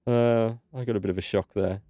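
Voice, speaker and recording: Still recovering from a cold, this gaming host sounds slightly blocked up through his nose, his voice not yet back to normal. Low and mellow, with a steady tone and a slightly fast pace, he gives easygoing let's play commentary with no echo, musing aloud and reading in-game text.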